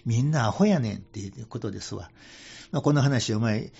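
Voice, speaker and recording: Folksy Kansai priest, husky and muffled. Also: male voice, medium pitch, expressive, brisk, warm tone. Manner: folksy, chuckling, slips into Kansai dialect for emphasis. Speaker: Buddhist temple head priest, radio guest. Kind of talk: relaxed radio talk on Buddhist teaching.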